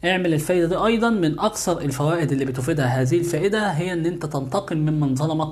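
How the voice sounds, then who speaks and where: A YouTube channel host with an Egyptian Arabic accent speaks very fast in a voice on the high side. He gives casual spiritual how-to instructions, often calling out to viewers and answering his own questions.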